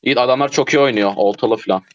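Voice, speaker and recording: A man's voice: medium pitch, racing, dull audio. Swearing, frustrated young gamer man. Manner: swears constantly, frustrated outbursts and shouting. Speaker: gamer streamer. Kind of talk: casual gameplay chat with teammate.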